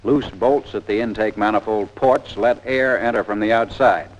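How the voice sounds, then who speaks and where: An American man with a fairly low voice narrates a 1940s instructional training film at a moderate pace, walking through each step in a plain-spoken, methodical way. The soundtrack is dull and lo-fi, typical of 1940s film.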